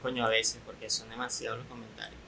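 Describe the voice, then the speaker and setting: A young man with a Venezuelan accent, a content creator guest, talking candidly in a relaxed, soft-spoken way. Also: mid-range voice, quick pace, a loud crowd, rough recording. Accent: Venezuelan Spanish. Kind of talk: casual podcast interview.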